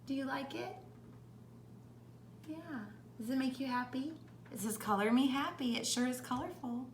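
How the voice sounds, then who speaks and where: A woman's voice: high-pitched, moderate pace, slight background noise. A woman vlogger talking to her pets in a coaxing way, asking them lots of questions. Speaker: pet vlogger. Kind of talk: casual vlog talk to pets. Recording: roomy echo.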